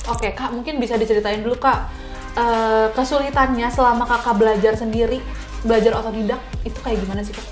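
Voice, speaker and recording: A podcast interviewer with a Jakarta Indonesian accent hosts a casual interview in a chatty, informal way, often echoing answers back and seeking agreement. Her voice is a little high and steady, and she speaks briskly. Music plays underneath a roomy echo.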